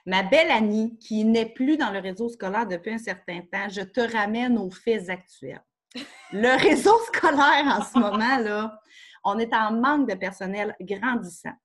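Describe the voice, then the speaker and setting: A woman's voice: a little high, a little slow. Québécois woman explaining children's yoga. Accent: Québécois French. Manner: explains step by step, casual fillers, spirited. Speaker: children's yoga educator in schools. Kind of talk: explanatory podcast chat. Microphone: studio microphone.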